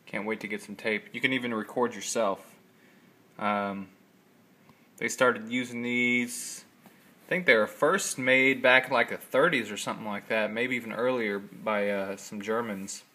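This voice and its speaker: In his living room, a hobbyist gives an off-the-cuff show-and-tell of his vintage audio gear, rambling, hesitant and informal. His voice is lowish and sharp in tone, steady and measured in pace.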